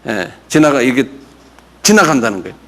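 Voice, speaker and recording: A man's voice: mid-range voice, big pitch swings, a bit bright. An older man, a pastor, teaching a Bible lesson and drilling terms, asking his class questions and having them repeat words after him. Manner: explains slowly, with many fillers and questions to the class.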